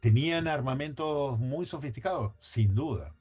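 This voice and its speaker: A man on a podcast speaks at a mid-range pitch, working out his thoughts aloud. He hedges often and keeps breaking off to restart and correct himself. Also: animated, moderate pace, a little mellow, slightly rough, soft background music. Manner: thinks aloud, frequent restarts and self-corrections; hedging, conversational. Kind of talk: casual podcast conversation.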